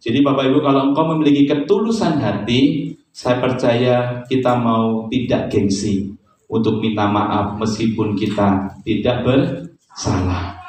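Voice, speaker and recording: A man's voice: mid-range voice, measured pace, a little mellow. Man preaching in an echoey church hall. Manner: chatty, jokes with congregation. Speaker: pastor. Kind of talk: sermon. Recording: echoey church hall, distant mic, faint noise.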